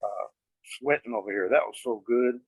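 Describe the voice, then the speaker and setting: A man's voice: mid-range voice, brisk, husky. A man praising another guest on a podcast call, stammering and repeating his words. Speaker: guest musician. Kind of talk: casual video-call feedback. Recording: tinny phone-like call line.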